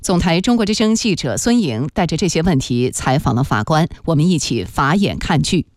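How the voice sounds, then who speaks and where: A woman's voice: low-pitched, animated, fairly quick, a little mellow, no room sound, clean studio sound. A woman hosting a radio programme, reading a scripted news introduction. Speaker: programme host.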